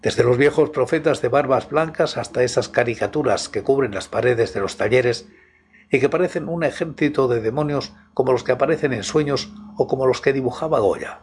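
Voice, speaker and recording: A man narrates scripted horror stories in a hushed, intimate half-voice, as if right in the listener's ear. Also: medium pitch, brisk. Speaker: channel host and horror story narrator. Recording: music behind the voice. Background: background music.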